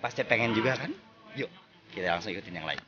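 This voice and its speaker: A man's voice: lowish voice, expressive, fast talker, bright, forceful tone, highs cut off. Upbeat man running an outdoor training session. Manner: upbeat, encouraging, calls out warnings. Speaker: outbound training facilitator. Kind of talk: energetic event commentary and narration.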